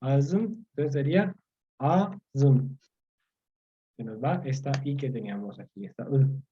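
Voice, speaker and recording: A man's voice: mid-range voice, highs cut off. A man tutoring a class online, patiently explaining, repeating key words and often checking that students follow. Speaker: language teacher.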